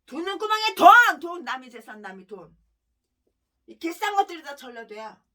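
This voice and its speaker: A woman pastor preaching a fierce denunciation in a very high, piercing voice. Her pitch leaps wildly up and down, and her tone is bright and cutting. She rants relentlessly and breaks into shouts. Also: very animated, moderate pace. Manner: vehement, ranting, heavy name-calling, bursts of shouting. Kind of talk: fiery denunciatory sermon.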